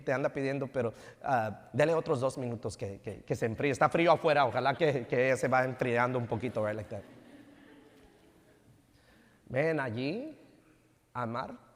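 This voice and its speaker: A man in his thirties, a pastor preaching a sermon, telling family stories and mixing Spanish with English. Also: mid-range voice. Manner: code-switching between Spanish and English, storytelling. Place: church sanctuary. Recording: long church hall reverb.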